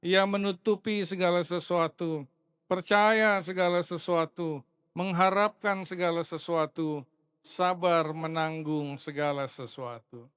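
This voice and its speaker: A man's voice: on the high side, fairly even intonation, a little slow, fairly bright tone, clear, resonant tone, no room sound, studio quality. A middle-aged man preaching a sermon as a pastor, in a conversational, friendly way that keeps addressing the congregation directly. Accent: Indonesian. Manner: conversational preaching, addresses listeners as brothers, chuckles. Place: church sanctuary.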